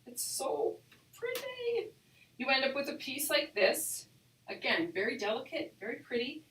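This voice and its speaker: A woman's voice: sits high, moderate pace, pushed and bright, slight background noise, rough recording. A middle-aged woman chatting enthusiastically and ramblingly as she hosts a casual live craft tutorial, with a hollow, cave-like off-mic sound. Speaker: crafting host and demonstrator.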